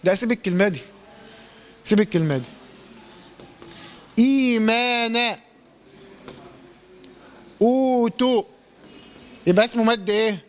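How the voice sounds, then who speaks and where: A man with an Egyptian accent teaching a Quran recitation lesson. He asks questions and answers them himself, and draws out recited words slowly. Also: high voice. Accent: Egyptian Arabic. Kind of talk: classroom tajweed lesson.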